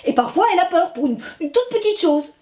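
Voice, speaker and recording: A woman telling a children's story in an expressive way, dropping into whispers for suspense. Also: extremely high pitch, a little fast.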